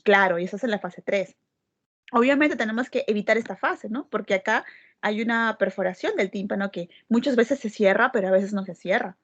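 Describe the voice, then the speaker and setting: A woman's voice: medium pitch, a little fast. A woman doctor teaching a class, explaining step by step and checking in with frequent tag questions. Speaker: medical lecturer. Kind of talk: classroom lecture. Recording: dull lo-fi recording.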